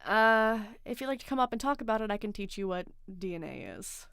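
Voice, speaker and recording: A woman hosting a livestream in casual chat, sarcastic and animated, reading out chat comments. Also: mid-range voice, brisk, vocal fry, smooth, no echo, clean studio sound. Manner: animated, sarcastic, reads chat aloud, swears and laughs. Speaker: livestream host.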